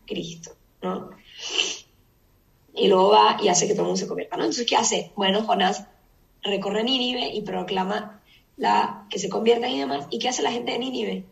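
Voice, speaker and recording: A woman teaching a Bible study group, retelling the story in a lively casual way and putting questions to the listeners. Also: medium pitch, normal speed, creaky. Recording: echoey room, distant mic.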